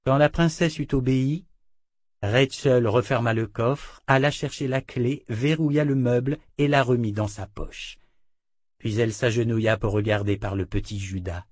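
A man narrating a children's story aloud in an expressive, dramatic reading. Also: mid-range voice, moderate pace, no room sound, studio quality.

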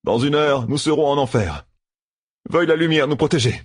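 A man's voice: a little high, animated, moderate pace, breathy edge, dry recording, studio quality, pitched above the performer's own voice. A man voicing a brash young gambler turned general who commands with urgency, in an audiobook. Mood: grim. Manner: urgent, commanding, shouts orders.

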